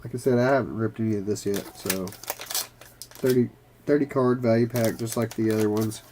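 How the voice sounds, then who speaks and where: A man from Kentucky hosts a trading-card opening video, still a little congested from bronchitis, and casually reads out player names as the cards flip. His voice is on the low side and steady, delivered unhurriedly as card-ripping commentary, with background noise in the recording.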